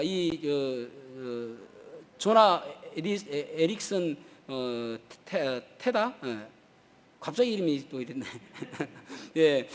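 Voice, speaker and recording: A male pastor preaching an animated sermon, stopping on fillers and restarts, his voice rising when he voices prayers and complaints to God. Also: on the high side, long reverb tail. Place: church sanctuary.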